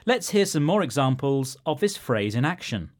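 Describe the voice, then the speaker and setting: A man co-hosting a scripted language lesson in a studio, explaining a phrase in a sympathetic, gently teasing way. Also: medium pitch, very animated, normal speed. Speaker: co-host.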